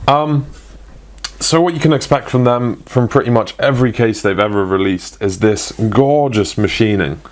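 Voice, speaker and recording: A man's voice: mid-range voice, normal speed. A young man presenting a casual tech product review, chatty and full of ums and restarts.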